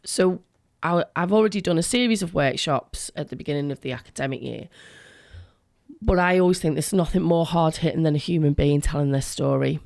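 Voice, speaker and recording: A middle-aged woman with a creaky voice, talking earnestly and emphatically as a guest in a radio interview. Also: sits low, a little fast, a little mellow, no room sound, clean studio sound. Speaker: education worker, interview guest.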